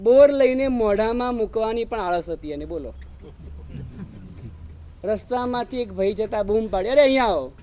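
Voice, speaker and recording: A man's voice: sits high, moderate pace, pauses often, mellow, slight background noise. A man preaching an evening sermon as a monk, repeating his points and firing rhetorical questions at the audience. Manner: drills points by repeating phrases. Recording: dull lo-fi recording.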